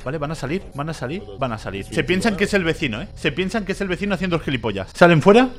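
A man with a Spain Spanish accent hosts a reaction video. He is jumpy and excitable and swears a lot. His voice sits a little high and swings widely in pitch. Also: racing. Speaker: video host. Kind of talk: reaction commentary.

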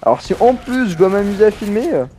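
A man's voice: high-pitched, lively intonation, fast, dark tone, a little hiss or hum. A young man hosting a casual let's play, chatting playfully with many fillers. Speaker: gaming channel host.

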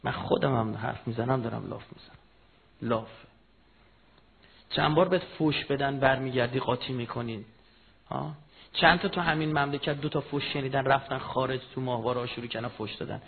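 A man giving a mourning sermon, telling a personal story, moving from low murmured storytelling to loud impassioned rising cries. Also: gravelly, breathy edge. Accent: Persian of Iran. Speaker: religious speaker. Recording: tinny phone-like recording with faint noise.

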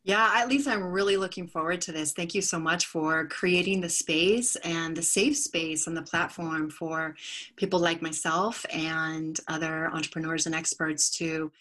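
Woman, podcast guest, bright tone, upbeat, frank, storytelling. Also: low voice, fairly even intonation, moderate pace. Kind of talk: casual podcast interview.

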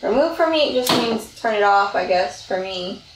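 Animated and medium-pitched, this woman in her twenties talks at a moderate pace while cooking at home, joking about herself and musing aloud to the camera for a casual cooking vlog. A far-off camera captures roomy kitchen acoustics with background noise.

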